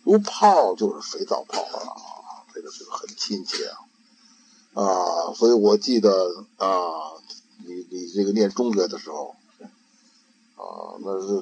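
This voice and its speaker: An older man and grandfather giving an informal Buddhist talk, slow and halting, often repeating words while he searches for them. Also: deep voice, darkish tone, a little hiss or hum, rough recording.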